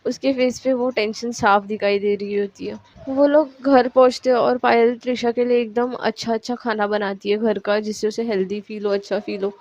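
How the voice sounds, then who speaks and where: A woman's voice: a little high, flat delivery, normal speed, a little mellow, no room sound, highs cut off. A woman casually narrating a romantic story, conversational, with fillers.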